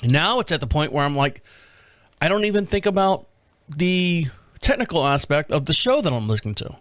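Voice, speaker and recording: A man's voice: on the high side, sing-song, normal speed, fairly bright tone, no room sound. A man in his fifties hosting his own podcast, rambling through a casual solo monologue, self-mocking and laughing often. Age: 50s. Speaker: podcast host.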